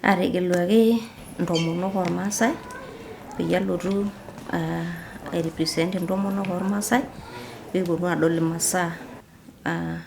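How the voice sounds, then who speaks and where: A woman from Narok in Kenya, representing Maasai women in a documentary interview, speaking calmly. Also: fairly low pitch, normal speed, gravelly, pauses often, background noise. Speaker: Maasai delegation member.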